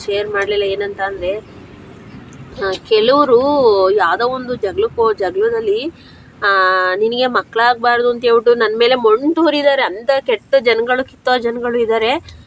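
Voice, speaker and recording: A woman's voice: a little high, a little hiss or hum. A young woman, talking frankly and chattily to her viewers while cooking. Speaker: village vlogger.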